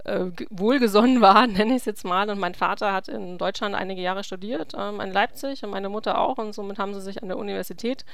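Young woman podcast guest, creaky voice, hesitant and casual. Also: mid-range voice, brisk, few pauses, dry recording. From East Germany. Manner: hesitant, many fillers. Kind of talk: casual interview chat.

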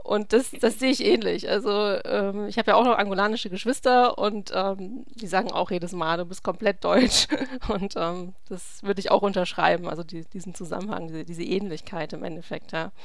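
A woman's voice: medium pitch, steady tone, normal speed, gravelly, few pauses, no echo, studio quality. A young woman from East Germany, chatting as a podcast guest and hesitating with many fillers. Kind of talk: casual interview chat.

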